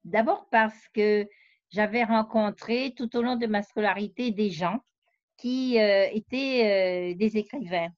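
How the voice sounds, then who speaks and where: A woman's voice: mid-range voice, a little slow, no room sound. A woman researcher and novelist, interviewed, explaining her ideas at length with frequent hesitations. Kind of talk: conversational interview. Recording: dull lo-fi dry sound.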